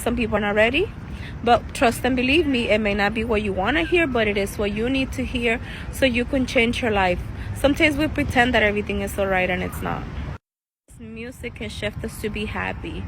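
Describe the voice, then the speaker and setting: A woman from El Salvador, a tarot reader and life coach, talking earnestly and casually to her viewers from a city park, laughing often and restarting her sentences. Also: a little high. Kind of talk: casual talking-to-camera vlog. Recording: outdoor street noise. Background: passing cars and city noise.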